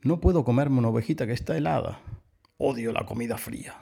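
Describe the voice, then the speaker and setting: A man's voice: mid-range voice, fast, vocal fry, dark tone, husky. A man voicing a grumpy, hungry old male wolf who grumbles in exasperation. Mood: grumbling.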